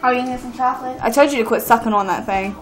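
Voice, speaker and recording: A woman's voice: a little high, racing, a crowd in the background. A young woman chatting casually and giggling with friends, full of crude, joking banter. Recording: very noisy amateur home recording.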